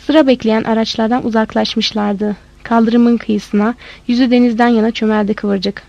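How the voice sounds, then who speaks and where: A woman narrating a story in a measured, expressive reading. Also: on the high side, vocal fry, no echo, highs cut off.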